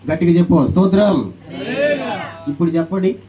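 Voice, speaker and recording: A man preaching a sermon as pastor, animated, calling on the congregation to answer aloud and acting out quoted voices. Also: on the high side, brisk, recorded from a distance, lo-fi sound, a crowd in the background.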